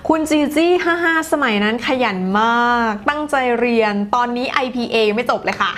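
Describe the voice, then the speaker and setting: A woman's voice: fairly high pitch, expressive, normal speed, a bit bright, slight background noise. A woman teacher with a Thai accent reads viewer comments during a live English lesson, chatty and laughing, moving between two languages.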